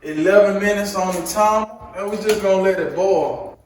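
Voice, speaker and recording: High-voiced man, joking cooking how-to. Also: normal speed, very echoey, recorded from a distance, a little hiss or hum, rough recording. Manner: chatty, joking, preachy asides to viewers. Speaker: home cook teaching a recipe. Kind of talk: casual cooking tutorial.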